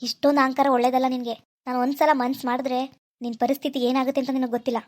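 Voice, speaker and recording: A woman's voice: high voice, flat delivery, rapid-fire, darkish tone, lightly acted. Woman voicing a fretful young husband. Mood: scolding. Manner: scolding, fretful muttering to himself. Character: worried jealous young village husband, man. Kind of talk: cartoon voice acting.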